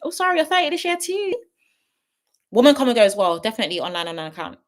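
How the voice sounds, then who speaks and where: A woman's voice: on the high side, big pitch swings, quick pace. A woman in her late twenties chatting casually on a livestream, reading viewer comments and giving frank, big-sister style advice. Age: 20s. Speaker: YouTube host on a livestream.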